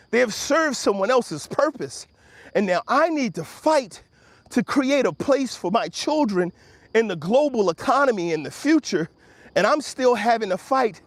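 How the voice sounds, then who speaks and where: This is the host of a motivational talk show, a man in his fifties from Washington, D.C., with a high voice. Preaching emphatically, he repeats phrases and poses rhetorical questions, and there's no room sound on the recording.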